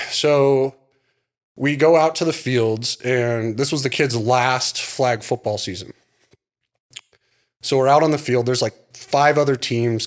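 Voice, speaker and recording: A man co-hosting a podcast, telling a long story in a rambling, animated way and acting out the dialogue. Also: mid-range voice. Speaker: podcast co-host. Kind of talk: casual storytelling chat.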